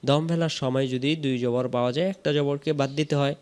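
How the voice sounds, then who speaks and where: A man with a Bangladeshi Bengali accent teaching Quran recitation, chanting each verse slowly with long drawn-out vowels and then explaining the pronunciation. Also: medium pitch, steady tone, darkish tone, clear, resonant tone. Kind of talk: slow recitation lesson.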